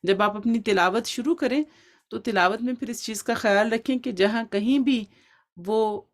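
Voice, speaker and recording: Explanatory woman teaching Quran recitation online. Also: fairly high pitch. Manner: explanatory, checks in often with "ٹھیک ہے؟".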